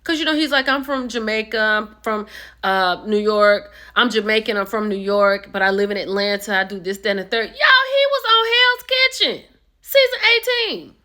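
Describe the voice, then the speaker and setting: A chatty woman hosts casual commentary on a reality show. Her voice is bright and forceful, and it jumps high when she gets excited. She talks into a close vlog mic. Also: normal speed. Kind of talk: casual chat.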